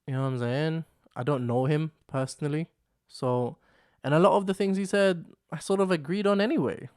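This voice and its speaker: A young Filipino man who grew up in London from his teenage years talks into his camera microphone for a casual solo vlog. His voice sits on the high side and is smooth and a little mellow, with a brisk delivery. He meanders, repeats points, and constantly asks "you know what I'm saying".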